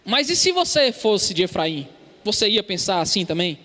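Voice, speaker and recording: A man's voice: high-pitched, big pitch swings, moderate pace, a bit bright. A man with a Brazilian Portuguese accent preaching an earnest expository sermon in a church hall, calling his listeners brothers. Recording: long hall reverb.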